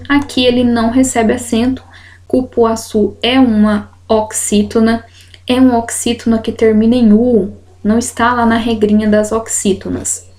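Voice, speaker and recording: A woman with a Brazilian Portuguese accent teaching a grammar lesson, explaining slowly and checking in with her students as she reads example sentences aloud. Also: sits high, warm tone.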